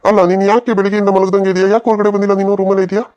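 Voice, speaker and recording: A man voicing a village neighbor and a husband in a cartoon comedy, reasoning in a plain, hurried way. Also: sits high, level tone, darkish tone, muffled recording.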